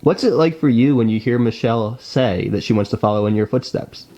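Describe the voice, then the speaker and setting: A man's voice: medium pitch, fairly quick, warm tone. A man interviewing a friend in a casual chat, playful and teasing, with goofy asides.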